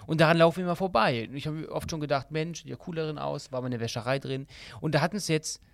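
A man's voice: on the high side, fast talker, gravelly, dry recording, studio quality. A man co-hosting a podcast, talking casually and bickering, with many fillers and restarts. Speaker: podcast co-host.

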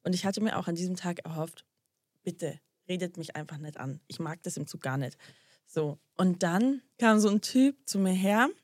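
A young woman with a somewhat low voice tells a story in a casual podcast chat. She plays out both sides of the conversation with sass and tosses in English slang. The sound is dry and close, with no room echo. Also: normal speed. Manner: animated, acts out both sides of a dialogue, drops English slang.

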